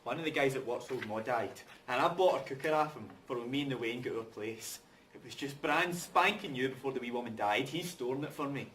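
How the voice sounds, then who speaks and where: A man's voice: mid-range voice, brisk, fairly bright tone, natural voice. Man acting bitter, accusing man, distant mic. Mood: hurt, indignant. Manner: accusing, scornful, colloquial. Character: wronged, bitter working-class man confronting his relatives. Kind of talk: rehearsed stage reading of a drama. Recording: distant mic, background noise.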